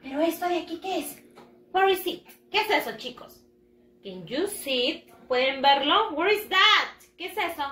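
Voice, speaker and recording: A woman's voice: very high-pitched, lively intonation, a little slow, bright, forceful tone, a little hiss or hum. A woman teaching English to young children in a bilingual lesson, with a sing-song, encouraging delivery. She asks questions and then answers them herself. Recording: echoey room.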